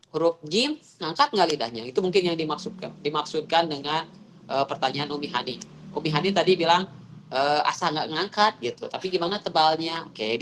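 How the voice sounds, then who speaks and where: A woman teaching a Quran recitation class, asking students questions again and again. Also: low-pitched. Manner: questioning, repeats prompts to students. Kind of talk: online tajwid class.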